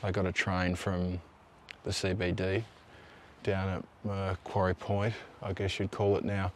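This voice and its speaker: An Australian man in his thirties, talking to camera out in the open with an easy, offhand manner. His voice sits low, and a faint outdoor hiss is heard behind him. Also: measured pace. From Tasmania, Australia. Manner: relaxed, conversational, offhand asides. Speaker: local history video host. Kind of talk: casual on-location presenting. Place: outdoors by a river and on park paths.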